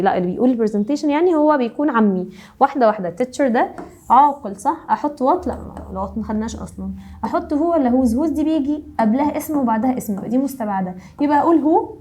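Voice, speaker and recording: An Egyptian woman teaching an English grammar lesson to middle schoolers, briskly asking her students rhetorical questions. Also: a little high, warm tone. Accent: Egyptian Arabic.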